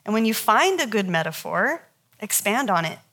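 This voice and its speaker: A woman leads a counseling workshop in an easy, conversational teaching voice that sits at a middle pitch. She tells stories from her own sessions with animation, laughs often and speaks to her listeners directly. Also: sing-song, normal speed, bright, forceful tone.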